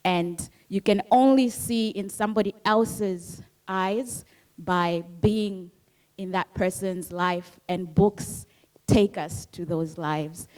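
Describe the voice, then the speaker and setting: A Zambian woman, Bemba her first language, speaks slowly about her book at a book club in a mid-range, darkish voice. She comes across as earnest and reflective and repeats key phrases.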